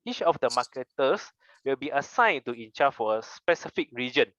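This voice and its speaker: Giving a prepared speech to his club, a young Malaysian-English-accented man speaks earnestly in a mid-range, slightly bright voice. He uses personal stories and rhetorical questions, and the dry recording has its high frequencies cut off.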